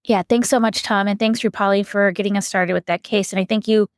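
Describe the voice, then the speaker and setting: A woman co-hosting a medical podcast, methodical and organized as she maps out the topics ahead. Her voice sits at a middle pitch and sounds dry and close, with no room echo. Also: steady tone, a little fast, smooth. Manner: organized, lays out a roadmap step by step. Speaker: podcast co-host, physician.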